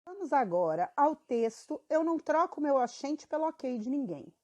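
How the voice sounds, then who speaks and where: A woman's voice: high voice, very animated, moderate pace. A girl of about twelve, reading school questions and her answers aloud, evenly and with small stumbles. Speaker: student.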